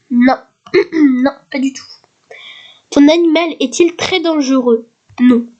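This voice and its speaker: A woman with a high voice and a slightly hoarse throat. She talks slowly and reads each quiz question aloud, then answers in an easy, chatty way, like a video creator playing a game for her viewers. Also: darkish tone. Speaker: youtuber. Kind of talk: casual gaming commentary.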